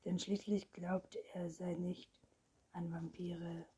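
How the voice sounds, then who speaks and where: A woman narrating a children's storybook in a hushed, even whispered reading. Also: fairly low pitch, a little hiss or hum.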